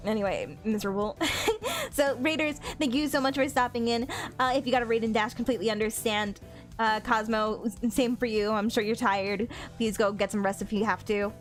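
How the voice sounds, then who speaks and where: A woman's voice: a little high, steady tone, a little fast. A woman chatting casually with viewers on a game livestream in a cute, bubbly anime-streamer manner. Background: video game music.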